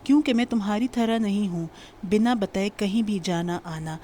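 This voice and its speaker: A woman voicing a direct, steady young man who talks in a plain, matter-of-fact way. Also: mid-range voice, a little hiss or hum, natural voice.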